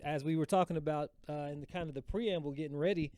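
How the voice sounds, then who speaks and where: A man hosting a casual podcast, easygoing and friendly, often pausing on "uh" as he talks. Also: on the high side, fairly even intonation, dark tone, no echo, studio quality. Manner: hesitant, many "uh" fillers, friendly and easygoing. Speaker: podcast host.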